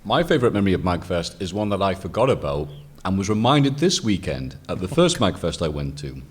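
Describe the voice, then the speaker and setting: Low-voiced man telling a lively panel anecdote. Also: brisk, husky. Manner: laughs through his own story and acts out quoted voices. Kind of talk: animated anecdote at a convention panel. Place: convention panel room.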